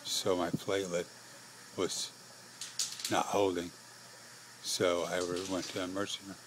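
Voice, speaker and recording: A middle-aged American man, frail and short of breath, giving a personal testimony in halting short phrases with pauses. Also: deep voice, level tone, background noise. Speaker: patient telling own life story.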